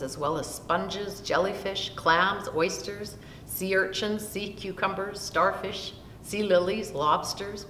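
An older woman slowly reads a Bible story aloud for children, seated in a small room and taking long lists word by word. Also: a bit bright. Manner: slow, deliberate reading of long lists. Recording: roomy echo with long reverb and faint rumble.

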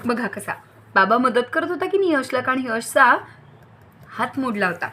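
A woman reading a children's story aloud, talking directly to young listeners in a lively way. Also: fairly high pitch, normal speed.

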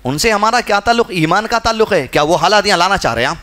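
A man from India giving a mosque sermon, swinging between loud exhortation and low, earnest asides. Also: animated, very fast. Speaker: mosque speaker.

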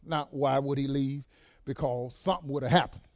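Fervent preacher man, loud amen bursts. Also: mid-range voice, moderate pace, noisy background. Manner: swells into loud exclamations, trails off quietly in stories; punctuates lines with "amen" and "bless God". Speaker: pastor. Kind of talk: sermon. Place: church service with a congregation.

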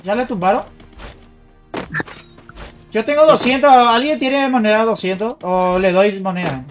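Excitable man streaming a shooter game. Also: sits high, measured pace, soft background music. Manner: excitable, calls out to teammates and chat. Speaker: gaming streamer. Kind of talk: live gameplay commentary.

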